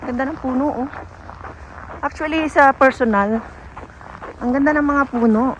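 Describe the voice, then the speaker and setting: A woman's voice: high-pitched, moderate pace, background noise. A woman vlogging on a winter walk through the snow, chatting and giving friendly tips to her viewers, a little out of breath. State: out of breath while walking. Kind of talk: casual vlog narration. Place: outdoors in winter snow, walking.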